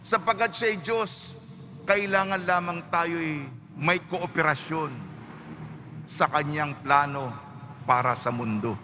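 A man's voice: fairly high pitch, pushed and bright, slight background noise. A man with a Filipino accent, a priest, reading the gospel and preaching a homily in a solemn, emphatic way. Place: large church. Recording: echoey church with long reverb.

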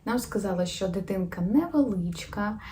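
A woman's voice: mid-range voice, animated, slight background noise. A young woman from Ukraine, a new mother, talking openly in a casual personal vlog. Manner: chatty and open, quick soft laughs.

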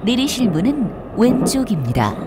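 A woman's voice: a little high, big pitch swings. Woman giving a subway train announcement. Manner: polite, measured, formal announcing. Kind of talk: recorded train station announcement. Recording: announcement under loud train noise.

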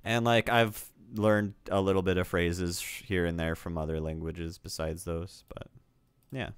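A streamer learning Spanish plays a language app, casually commenting as he repeats sentences aloud and corrects himself with little laughs. His deep voice is level in tone, slow and smooth, with no echo.

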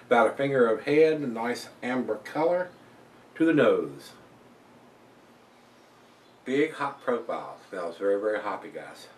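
An older man talks casually on camera as a beer reviewer, chatty and relaxed, with lots of fillers, filmed at home in a small room. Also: mid-range voice, measured pace, long pauses, a little hiss or hum. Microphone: camera across the room. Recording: roomy and distant from the mic.

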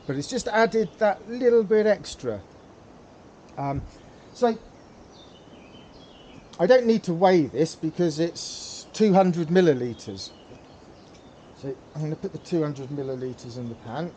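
A man's voice: a little high, lively intonation, slow, pauses often, dark tone, a little hiss or hum. A man hosting a casual how-to demonstration, talking hesitantly with many fillers and repeated words. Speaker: pipe tobacco hobbyist, channel host.

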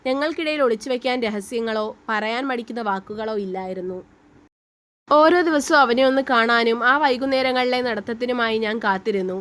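A woman narrating a romantic story in a gentle, steady reading voice. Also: on the high side, brisk.

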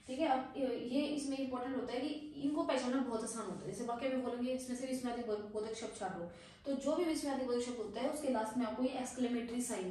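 A woman's voice: on the high side, warm tone. A woman teaching a grammar lesson, explaining step by step and checking in with the class after nearly every point. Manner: explanatory, frequent "theek hai" check-ins. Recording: very echoey room, voice from a distance.

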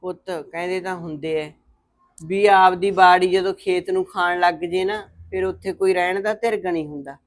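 A motherly middle-aged aunt, played by a woman in a drama. She speaks in a soft, soothing way and leans on proverbs. Her voice sits at an ordinary pitch. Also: natural voice. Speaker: older aunt comforting her niece. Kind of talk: Punjabi web drama acting.

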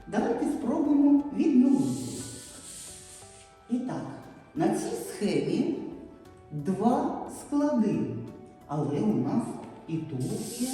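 A woman preschool teacher leading a children's syllable lesson, speaking slowly in an encouraging, sing-song way. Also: medium pitch, very animated. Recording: echoey hall, distant mic, soft music.

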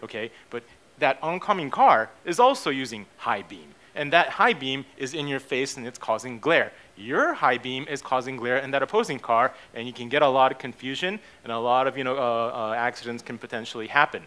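A man's voice: mid-range voice, lively intonation, brisk, bright, forceful tone. Casual man presenting on stage. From born in Japan, raised in the United States. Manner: casual, many fillers and tag questions like "okay" and "right". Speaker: keynote speaker, company CEO. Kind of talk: conference presentation. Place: conference stage in a hotel hall.

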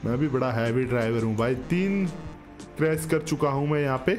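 Calling viewers "bro," the gaming host jokes and chats through his gameplay commentary, recorded up close on a desk mic with a headset in his small studio setup. His medium-pitched voice is fairly quick and a little mellow, with soft music in the background.

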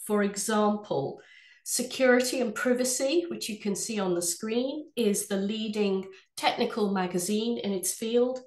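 A head of sales from England, with an English accent and a medium-pitched voice, presents a scripted product webinar from her office. Her delivery is measured and polished, and the room sounds echoey.

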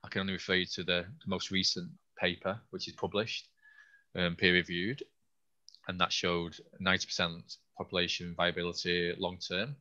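Low flat-voiced man, slightly hoarse. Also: highs cut off. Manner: halting, with frequent restarts and fillers. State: losing his voice a little. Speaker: scientist and event host answering questions. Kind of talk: online Q&A. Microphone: video call.

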